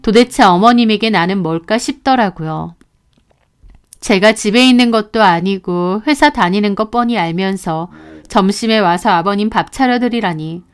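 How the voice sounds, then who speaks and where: A woman's voice: medium pitch, moderate pace, smooth. A woman narrating her own story as a daughter-in-law, speaking in an indignant, aggrieved tone.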